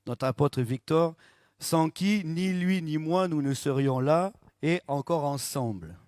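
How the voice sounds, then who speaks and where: A man's voice: fairly high pitch, measured pace, no room sound. Dry, close-miked male pastor preaching. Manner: lively, often asks the congregation "n'est-ce pas?" and jokes. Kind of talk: church testimony and sermon. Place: church service. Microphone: handheld microphone.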